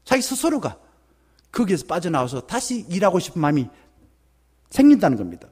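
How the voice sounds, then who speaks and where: Man, pastor, Gyeongsang accent, sermon in church, animated delivery, acts out dialogues. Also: high voice, brisk, breathy edge. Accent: Gyeongsang Korean. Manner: lively preaching with acted-out dialogue. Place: church sanctuary.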